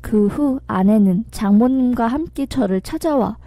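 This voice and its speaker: A woman's voice: a little high, measured pace, dark tone, no room sound. A woman reading a dramatic first-person story aloud and acting out the quoted lines, with faint music behind her.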